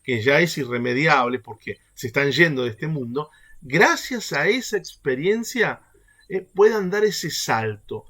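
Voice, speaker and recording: Lively man leading a faith workshop. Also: a little high, unhurried. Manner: animated, keeps checking in with the group through rhetorical questions. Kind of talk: teaching a catechesis workshop.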